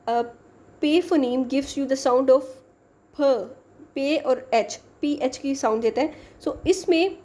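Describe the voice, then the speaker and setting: Woman lecturer, high and mellow, slow patient explainer who mixes English terms into Hindi-Urdu. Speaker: teacher. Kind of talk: exam-prep lecture.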